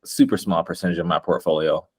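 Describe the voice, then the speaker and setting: A man's voice: deep voice, fairly even intonation, fast, husky. A man chatting casually about crypto investing in a slangy, confident, boastful bro manner. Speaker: crypto investor and video maker.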